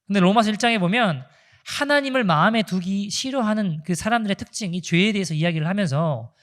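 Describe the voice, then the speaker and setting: A man's voice: high voice, brisk. A male pastor preaching a sermon, asking the congregation questions and acting out quotes. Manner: animated preaching with rhetorical questions and acted-out quotes. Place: church in Toronto.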